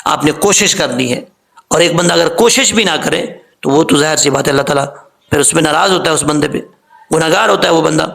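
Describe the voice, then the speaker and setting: A man teaching Quran recitation, explaining each rule and slowly drawing out the example words. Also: fairly high pitch, creaky, a bit bright. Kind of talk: tajweed lesson.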